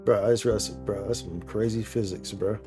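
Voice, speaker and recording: A game livestreamer gives casual live commentary, thinking out loud in slangy, repetitive phrases over faint game music. His voice is on the low side, with fairly even intonation and a fairly quick pace.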